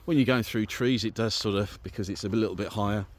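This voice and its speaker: With a fairly low pitch and a quick pace, a British vehicle owner talks casually into a handheld camera or phone. He gives an easygoing, chatty walk-through of the installation he's presenting.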